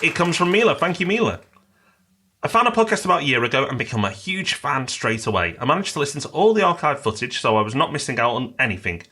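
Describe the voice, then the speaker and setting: Background noise accompanies a British man with a mid-range voice who co-hosts a podcast. In upbeat, casual chat with a promotional feel, he reads listener mail aloud, including a review.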